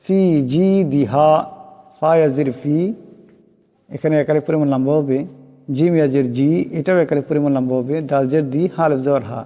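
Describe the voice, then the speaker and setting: A man teaching Quran recitation, spelling out each word and chanting the verses slowly. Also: fairly high pitch, little pitch movement, dark tone, in a large hall, soft background music. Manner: slow melodic chanting of verses, quick plain explaining.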